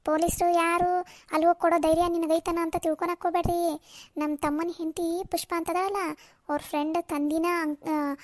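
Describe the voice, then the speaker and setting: A young cartoon daughter-in-law, voiced by a woman argues back indignantly in a North Karnataka Kannada accent. Her voice is very high and piercing. The sound is dry and close to the mic. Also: flat delivery, moderate pace, a little mellow, no room sound. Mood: defiant. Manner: indignant, argumentative. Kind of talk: cartoon voice acting.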